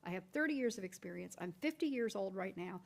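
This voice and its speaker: Woman, school board member, board workshop, meeting room, mid pitch, step-by-step hypotheticals, frequent restarts. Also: lively intonation, fast talker, vocal fry. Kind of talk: deliberating at a public board workshop.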